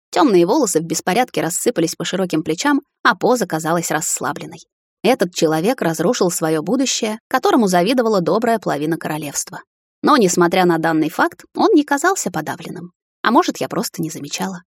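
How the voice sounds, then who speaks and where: A woman narrating a novel in first person, with an even, expressive storytelling manner, recorded close to the mic. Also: lowish voice, breathy edge, no echo. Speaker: audiobook narrator.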